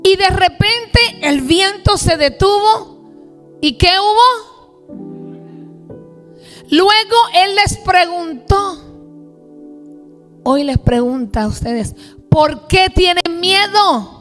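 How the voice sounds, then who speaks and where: A woman's voice: very high voice, expressive, slow, long pauses, a bit bright, soft background music. A woman pastor preaching a sermon emphatically, stretching out key words and stacking phrases in lists. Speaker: pastor and prophet. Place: church.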